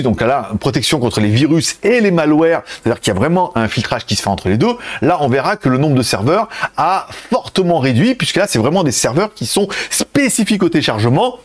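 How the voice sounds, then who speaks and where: Fast-talking animated man reviewer. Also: a little high. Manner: chatty, addresses viewers directly. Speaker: tech reviewer. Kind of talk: casual tech review.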